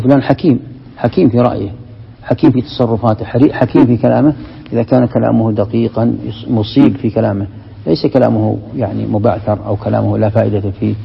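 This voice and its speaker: A man's voice: mid-range voice, gravelly, breathy edge. A man teaching Quran commentary in a lesson, explaining step by step and asking and answering his own questions, with in his speech. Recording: dull, lo-fi recording in a reverberant hall.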